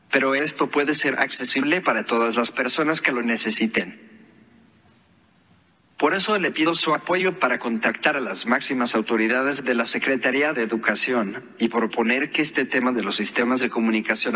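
A man's voice: mid-range voice, pushed and bright, long reverb tail. A synthesized man's voice, like an old text-to-speech program, delivering a prepared formal speech with an artificial, machine-like delivery.

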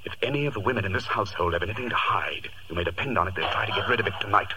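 Shrewd detective, bossy clipped delivery, bright voice, old radio play with some hiss. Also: male voice, fairly low pitch, rapid-fire. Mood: hushed, watchful. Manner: clipped, authoritative, deductive. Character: shrewd, commanding gentleman detective. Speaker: radio actor. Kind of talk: 1940s radio acting. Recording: noisy 1940s radio recording.

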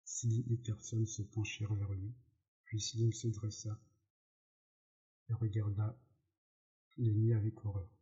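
Male audiobook narrator, plain reading with stumbles, dark mellow voice, slow. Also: lowish voice, level tone. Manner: slow reading with slips and self-corrections. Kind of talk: reading a novel aloud. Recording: dull lo-fi recording.

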